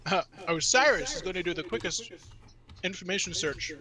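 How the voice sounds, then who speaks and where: A man playing a tabletop game, chatting casually with quick asides and apologies. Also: high voice, pushed and bright. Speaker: player.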